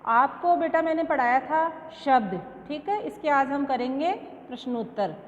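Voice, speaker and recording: A woman's voice: sits high, lively intonation, moderate pace. A woman school teacher giving an online class lesson, explaining step by step, asking questions and answering them herself, and mixing English words into her Hindi. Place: classroom with a blackboard. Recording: dull lo-fi sound with long reverb.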